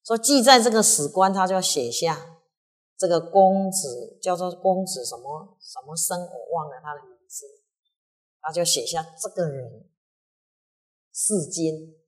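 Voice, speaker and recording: A woman's voice: on the low side, animated. Chatty Taiwanese Mandarin-accented woman teacher. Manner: chatty, with many drawn-out particles. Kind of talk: storytelling lesson on ancient history.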